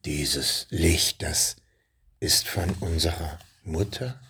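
A man voicing a huge, gruff male dragon in a storybook, with a gravelly, booming voice. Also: normal speed, full character voice. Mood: hushed. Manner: booming, defiant, then hushed.

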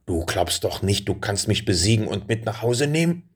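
A man's voice: fairly low pitch, sing-song, moderate pace, slightly rough, exaggerated voice. A man reading a storybook, voicing a huge, wary fire-breathing dragon that speaks in a threatening, brusque way. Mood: menacing.

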